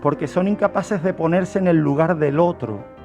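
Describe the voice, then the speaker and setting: A Spanish man with a Spain accent presents a true-crime radio segment, semi-scripted and didactic, laying out a case and posing questions to listeners. His voice is a little high and darkish at normal speed, over soft background music.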